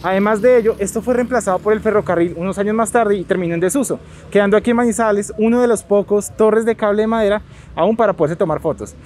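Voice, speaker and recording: A man's voice: high voice, fast talker, a little mellow. A young man talking through a face mask, casually vlogging about a trip from Colombia and enthusiastically touring a restaurant and the city streets. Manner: enthusiastic, leans on filler phrases. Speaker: travel vlogger. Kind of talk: casual travel vlog. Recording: crowd noise around the speaker.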